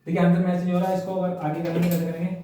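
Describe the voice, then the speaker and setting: A high-pitched male maths teacher with a mellow, dark tone. He talks each step through aloud, firing rhetorical questions at his students. The sound is very echoey, as if the mic sat some way off in a bare room. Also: monotone, very fast, far from the mic, slight background noise. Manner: habitual "है ना" and "ठीक है भैया" tags. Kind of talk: worked-problem maths lesson.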